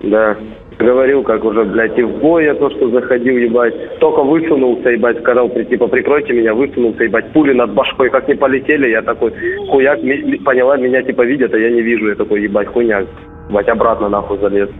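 A soldier calling home, talking bluntly and swearing constantly, heard as an intercepted call over a radio. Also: male voice, mid-range voice, fairly even intonation, quick pace. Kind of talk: casual phone call. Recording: tinny intercepted radio line, faint hiss.

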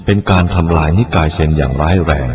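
A male Buddhist monk reading a written teaching aloud in a measured, deliberate way. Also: rumbling low, a little mellow. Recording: dull lo-fi recording with faint music.

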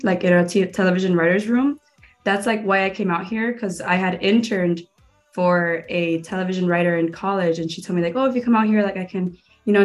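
A young woman from Miami, a guest filmmaker and stand-up comedian, chatting casually in an interview and filling her sentences with "like". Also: medium pitch. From Miami, Florida. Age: young adult. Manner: chatty, lots of "like" fillers.

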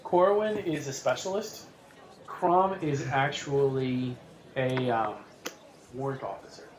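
A man's voice: medium pitch, slow, poor audio. A man running a tabletop game as game master, with a dry, understated delivery.

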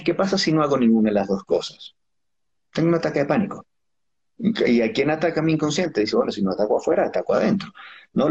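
A man's voice: medium pitch, darkish tone, breathy edge, highs cut off. A man as a guest expert in an interview, explaining things step by step with rhetorical questions. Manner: didactic, uses rhetorical questions.

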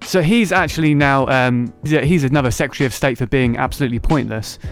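This casual political podcast is hosted by a man with a mid-range voice who speaks quickly, faint music underneath. His tone is sarcastic, and he mocks others by doing their voices.

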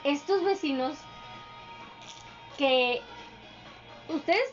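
A woman's voice: high voice, lo-fi sound, faint music behind. A woman chatting casually as a podcast co-host, acting out neighbors in little voices. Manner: chatty, acts out neighbors' lines in quick voices. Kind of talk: casual chat.

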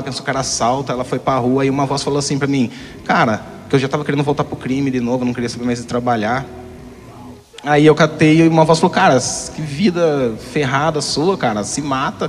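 A man's voice: mid-range voice, level tone, fast talker. A young man telling his own testimony frankly, rambling, with frequent tag questions. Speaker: guest giving a testimony. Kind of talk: candid personal testimony. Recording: hall reverb.

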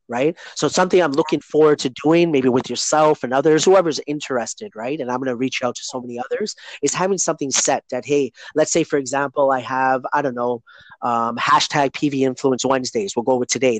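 A man hosts a daily podcast, rambling casually in a mid-range voice and often adding "right?" to his points. The audio is poor, with no room sound.

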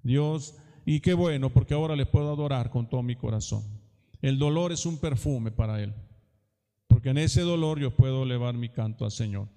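A man's voice: mid-range voice, moderate pace, mellow. Male preacher in an echoing hall. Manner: earnest, asks the congregation questions. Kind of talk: sermon. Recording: long hall reverb.

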